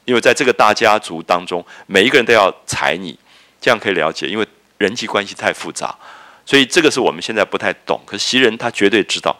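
A male lecturer with a low voice and a lively, swooping intonation walks listeners through a classic novel. He glosses each quote in plain speech, scattering fillers as he explains. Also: fast talker. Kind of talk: literature lecture.

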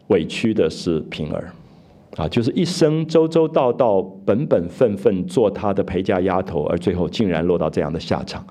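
A man's voice: fairly low pitch, warm tone. A man giving an explanatory lecture on a classic novel, retelling its scenes and asking his listeners rhetorical questions. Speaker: literature lecturer.

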